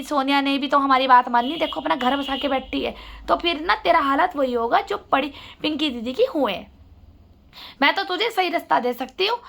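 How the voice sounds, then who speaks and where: A middle-aged woman makes an emotional appeal straight to camera in a personal vlog, scolding, pleading with, and preaching to her sister. Her voice is high pitched, gravelly, and fairly bright.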